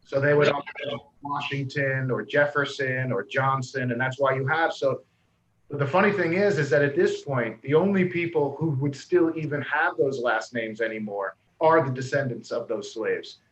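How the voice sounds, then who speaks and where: A man's voice: mid-range voice, moderate pace. An American man in a casual group discussion, curious and asking probing follow-up questions. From United States. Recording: echoey room on a dull lo-fi mic.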